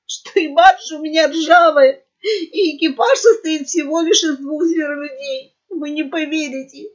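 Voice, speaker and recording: A woman's voice: sits high, measured pace, voice pushed up. A woman voicing a fat, cowardly male pug merchant who stutters and sobs, on a dull lo-fi recording. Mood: sobbing. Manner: stuttering, sobbing.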